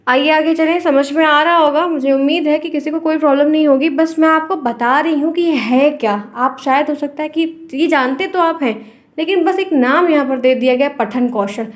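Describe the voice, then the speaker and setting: High-voiced woman teaching an exam class. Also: normal speed. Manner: explains with everyday examples, checks in often. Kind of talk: exam-prep lecture.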